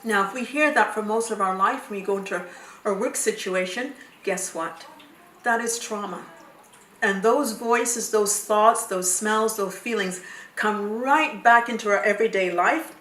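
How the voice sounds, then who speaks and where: A woman counsellor talks through her subject in a calm, measured, explanatory way. Her voice sits at an ordinary middle pitch. The mic is some distance away, and the room adds a noticeable echo. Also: a little hiss or hum. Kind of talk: explaining to camera.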